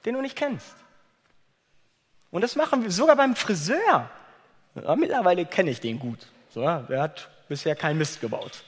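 A man preaches in a church, his voice a bit high for a man, with a long reverb trailing after each phrase from the big hall around him. He talks in a chatty, lively way, turning to people in the pews by name. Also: normal speed, husky. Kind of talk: sermon with a read-aloud story.

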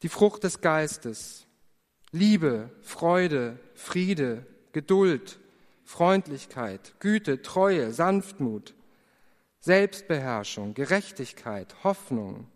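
A man giving an earnest personal testimony in a sermon, telling his story with prayerful pauses. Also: fairly high pitch, expressive. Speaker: preacher. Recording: long hall reverb.

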